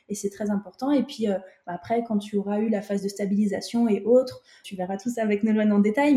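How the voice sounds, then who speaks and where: Woman hosting an informal interview, very dark mellow voice, reassuring, lots of hesitations, roomy echo. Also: mid-range voice. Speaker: interviewer for a diet program.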